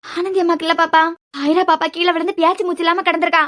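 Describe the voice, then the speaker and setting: A woman voicing a kindly older shop worker in a cartoon serial, gently explaining with a Kanyakumari Tamil accent. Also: extremely high pitch, flat delivery, rapid-fire. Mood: concerned.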